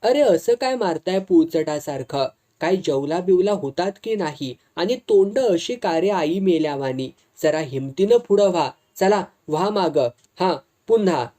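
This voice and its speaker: A bossy man in a suit, as a storyteller puts him on scolds and orders his gang about. The voice is warm and dark. It belongs to a told folk story. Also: fairly high pitch, a little slow. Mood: scolding. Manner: scolding, commanding. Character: bossy suited man ordering hired thugs.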